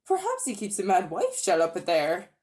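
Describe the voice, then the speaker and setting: A woman voicing a miserable young boy in a storybook reading, talking in an upset, wound-up way, her voice raised higher than her narration. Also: huge pitch swings, moderate pace, a little mellow. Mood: secretive. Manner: upset, wound up, near tears.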